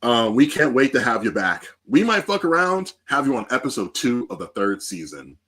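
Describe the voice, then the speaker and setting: A man hosting a casual music podcast, talking in a loose, profane and animated way into a podcast mic. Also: mid-range voice, normal speed. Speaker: podcast host.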